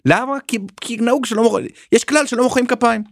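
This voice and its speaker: A man speaking as a guest political commentator in a casual interview, animated and swinging between high emphatic bursts and low asides. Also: dry recording, studio quality.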